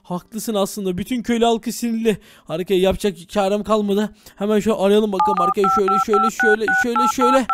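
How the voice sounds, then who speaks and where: A man's voice: high-pitched, steady tone, fast, hardly any pauses, very noisy. A man hosting a game role-play video, talking dramatically to viewers and exclaiming as a village head.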